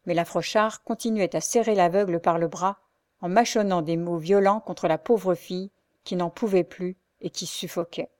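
A woman's voice: on the low side, fairly even intonation, a little mellow, dry recording. Woman narrating dramatically, dry close mic. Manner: measured, dramatic reading. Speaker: audiobook narrator. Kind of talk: scripted narration of a novel.

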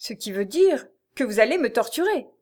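Une femme qui joue une jeune prisonnière terrifiée. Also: female voice, a little high, very animated, normal speed, a little mellow, pitched above the performer's own voice. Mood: defiant despair. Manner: frightened, pleading, breathless cries. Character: terrified young woman prisoner. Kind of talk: audiobook reading of a serial novel.

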